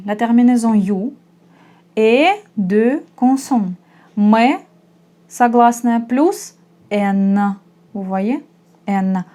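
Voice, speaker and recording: A woman's voice: mid-range voice, mellow. A young woman from Russia, patiently teaching a language lesson and repeating each example. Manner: slow, patient explaining with repetitions.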